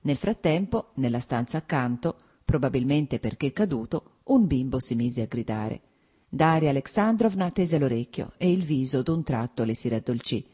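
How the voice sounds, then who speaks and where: A woman narrating a novel as an audiobook reading, measured and dramatic. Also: a bass voice, animated, dark tone, breathy edge.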